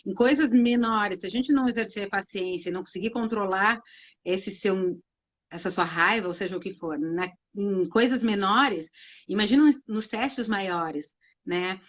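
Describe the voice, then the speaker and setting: A woman's voice: medium pitch, normal speed, slight background noise. A woman co-hosting a live religious talk, speaking reflectively with many fillers and restarts. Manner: reflective, many fillers and restarts, retells hadith with acted quotes. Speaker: co-host of Islamic live talk. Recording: muffled live-stream audio.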